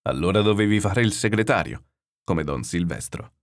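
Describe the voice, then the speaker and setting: A gruff, stern old fisherman grandfather, as a narrator puts him on, barking orders in a deep, low voice. He is pious and commanding, sounding from the pages of a classic novel read aloud as a storybook. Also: lively intonation, moderate pace.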